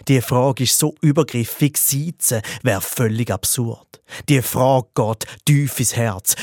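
A man's voice: mid-range voice, no room sound, clean studio sound. A man with a Swiss German accent delivering a scripted comedy monologue, sarcastic and exaggerated. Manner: sarcastic, exaggerated, mimics voices.

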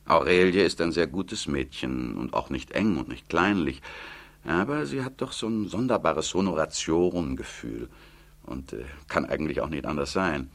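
A man reading the quiet, musing thoughts of a young man. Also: rumbling low, expressive, normal speed, heavily acted. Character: reflective young man, a former student.

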